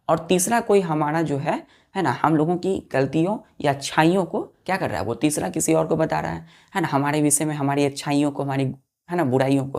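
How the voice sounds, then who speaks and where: A woman teacher with a lowish, gravelly, darkish voice leads a vocabulary lesson for her students. She spells each word letter by letter and answers the questions she asks, delivering it all slowly and repetitively.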